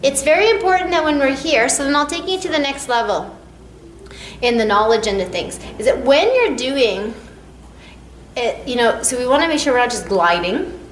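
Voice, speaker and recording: Expressive and high-pitched at a normal speed, the massage teacher demonstrates technique to her students, counting strokes aloud and encouraging them cheerfully. Slight background noise is faint in the echoey room.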